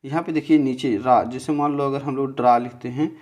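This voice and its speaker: With a steady, slightly mellow voice of medium pitch, a man presents a grammar lesson from a slide. He goes step by step, slowly and with repetition, spelling out syllables and often checking in with listeners using "theek hai."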